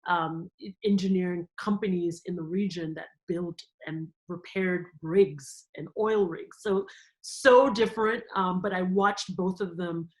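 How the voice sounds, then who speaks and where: A woman from Cameroon, a guest in an interview, telling stories in a lively, animated way and laughing often. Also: on the low side, measured pace, poor audio. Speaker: guest, theme park company executive. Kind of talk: conversational interview.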